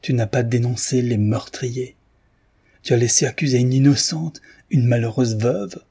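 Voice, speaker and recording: A man reading the lines of a horrified young noblewoman in an audiobook, hushed and appalled. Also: mid-range voice, normal speed, vocal fry, breathy edge.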